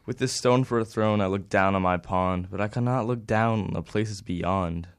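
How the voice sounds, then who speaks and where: A woman's voice: a bass voice, moderate pace, dry recording, studio quality, voice pushed down. A woman voicing a boastful, self-important male turtle king in a storybook reading. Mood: pompous.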